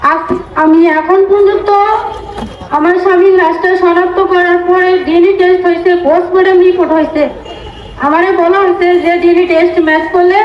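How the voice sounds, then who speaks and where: A young Bangladeshi woman giving emotional public testimony as a bereaved widow, pleading in distress and close to crying. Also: extremely high pitch. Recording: dull, noisy, echoey news interview audio.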